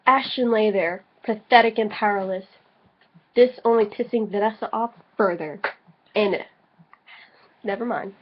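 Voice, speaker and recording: This amateur co-reader of a fan story is a tipsy woman with a medium-pitched voice, reading at a measured pace with long pauses. She delivers the text mock-dramatically and interrupts herself with muttered critiques, all captured on a lo-fi home recording.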